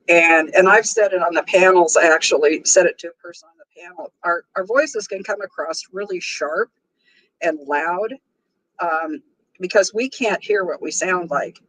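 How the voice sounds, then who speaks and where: Hosting a relaxed livestream, a strong-voiced woman in her sixties chats easily with viewers and laughs a lot. Her voice is lowish and a bit bright, captured on a low-quality recording.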